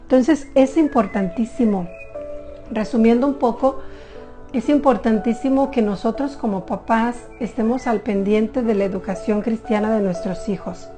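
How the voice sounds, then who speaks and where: A woman, a mother giving an earnest personal testimony on religious radio, telling her story haltingly with frequent restarts. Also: fairly high pitch, mellow, soft background music.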